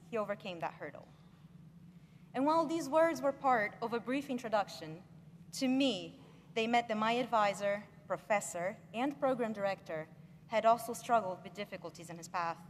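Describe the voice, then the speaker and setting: A young woman from Brazil gives an earnest, measured commencement speech as graduate speaker, leaning on key words. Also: a little high. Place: large ceremony hall. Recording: echoey hall with faint ambient noise.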